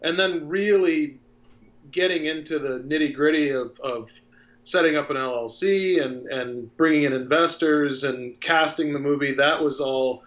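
A man's voice: fairly high pitch, a little slow, fairly bright tone. Earnest man, dull lo-fi sound. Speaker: guest filmmaker. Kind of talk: casual interview talk.

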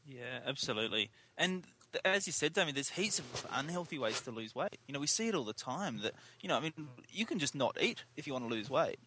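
A man's voice: mid-range voice, very animated, a little fast, hardly any pauses, pushed and bright, a little hiss or hum. A man co-hosting a casual health podcast, earnest and full of fillers. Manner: earnest, many fillers like um and you know. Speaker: podcast co-host.

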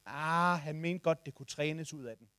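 A man in his forties telling a personal story to listeners, animated and sometimes shouting in the tense moments. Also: on the high side, clear, resonant tone, no echo, clean studio sound. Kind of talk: personal anecdote told to listeners.

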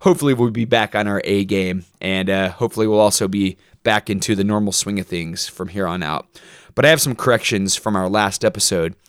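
A man co-hosting a casual podcast, talking in a relaxed, easygoing way and joking at his own expense. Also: lowish voice, a little fast, clear, resonant tone, dry recording, clean studio sound. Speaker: podcast co-host.

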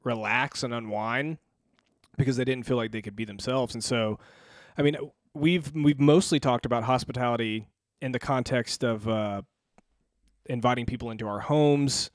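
A man's voice: medium pitch, moderate pace, dry recording, studio quality. A man co-hosting a church podcast, speaking in a reflective, affirming way. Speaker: podcast co-host. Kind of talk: casual discussion.

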